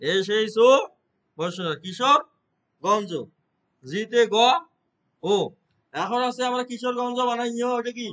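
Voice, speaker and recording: A man's voice: extremely high pitch, normal speed, rough recording. A man teaching a computer lesson, explaining step by step and checking his students' understanding with frequent short questions. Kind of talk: classroom lesson.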